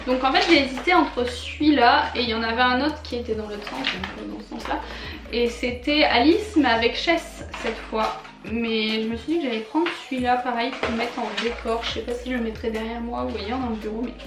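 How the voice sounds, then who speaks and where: A woman's voice: a little high, reverberant. A young woman chatting enthusiastically as she shows off her purchases in a casual vlog, with many fillers and laughs. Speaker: vlogger.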